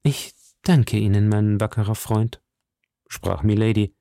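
A man reading an audiobook, voicing a cunning, scheming noble lady in a cool, measured, probing manner. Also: lowish voice, fairly even intonation, gravelly, dark tone, dry recording, clean studio sound.

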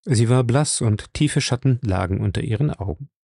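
A man narrating an audiobook in a measured, even storytelling manner, recorded close to the mic. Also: mid-range voice, vocal fry, breathy edge, no echo.

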